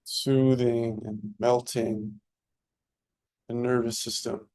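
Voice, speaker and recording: A male teacher guides a meditation, speaking soothingly in short, unhurried phrases separated by long pauses. His voice is medium in pitch, a little mellow, and delivered flatly.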